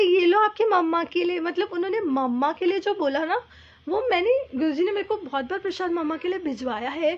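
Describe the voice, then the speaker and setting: A woman telling a heartfelt devotional testimony, speaking earnestly and haltingly, with many fillers and English words mixed in. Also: very high voice, muffled recording. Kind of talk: personal spiritual testimony.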